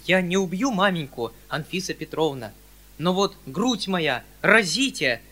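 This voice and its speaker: A man's voice: high-pitched, measured pace, pitched above the performer's own voice, full character voice. Man doing a flustered pleading uncle. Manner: excited, pleading, declamatory. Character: flustered kindly middle-aged landowner uncle, pleading.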